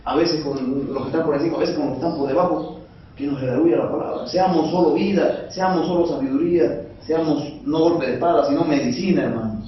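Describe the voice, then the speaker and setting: A man's voice: on the high side, fast, slight background noise. A male preacher, giving a conversational sermon and asking the congregation rhetorical questions. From Bolivia. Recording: echoey, dull sound from far off.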